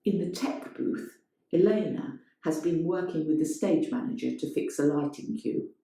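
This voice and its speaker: In a very echoey, reverberant room, a woman gives dramatic narration of a scripted, play-like story. Her voice is low and dark-toned, moving at a normal speed.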